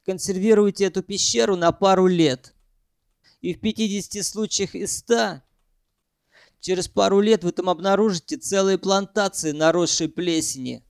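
A man's voice: high-pitched, normal speed, vocal fry, smooth, no room sound, clean studio sound. Chubchik, a man doing a sly gang leader. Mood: sly, explaining. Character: sly male gang leader, former chemistry student, cocky.

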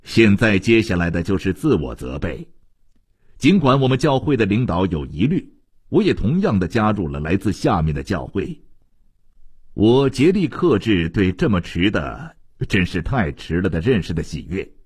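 A man reading a literary novel aloud as an audiobook narrator, in a measured, expressive storytelling manner. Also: sits low, breathy edge, no echo, clean studio sound.

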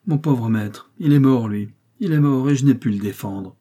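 A bitter, tearful old farmer mourns his lost master, his husky voice straining upward as grief breaks through. A man reads him aloud in a storybook reading. The tone stays dark and mellow underneath. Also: medium pitch, moderate pace, natural voice. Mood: grieving.

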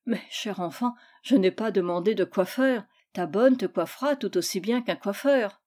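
A woman voicing a gentle, patient mother in a storybook reading. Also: mid-range voice, moderate pace, lightly acted. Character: gentle, pleading young mother.

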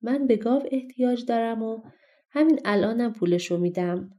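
A woman voicing a stooped little dwarf stranger in a storybook, speaking slowly and coaxingly. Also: on the high side, warm tone, natural voice. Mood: sly. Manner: slow, coaxing, persuasive.

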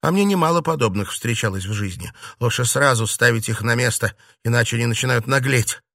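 A man voicing a bold, sharp-tongued teenage girl who talks back defiantly. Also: mid-range voice, brisk, gravelly, no echo, studio quality. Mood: cutting. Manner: defiant and cutting.

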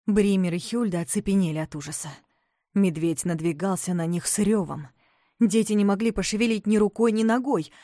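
A woman narrating a children's story with animated, expressive storytelling. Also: mid-range voice, fairly quick, no room sound, studio quality.

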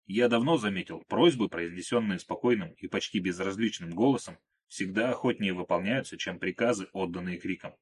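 A man narrating an audiobook in the first person, in a calm, low-keyed way. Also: fairly quick, hardly any pauses, husky.

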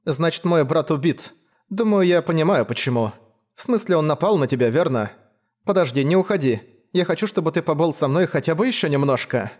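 A man's voice: on the high side, animated, brisk, darkish tone, pitched above the performer's own voice. A man voicing a young woman hunter who is bold and pleading, with a lilting, coaxing manner.

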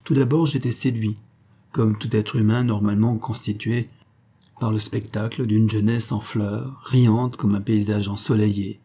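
A man reading a literary novel in the first person as an audiobook narrator, measured and reflective. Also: fairly low pitch, fairly even intonation, warm tone, a little hiss or hum.

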